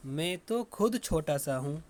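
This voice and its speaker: A man with a slightly high voice teaches young pupils, dictating each answer slowly and saying it again as he writes it. His delivery is patient and repetitive, like a classroom teacher working through a worksheet. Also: lively intonation, darkish tone, a little hiss or hum. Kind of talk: online lesson for children.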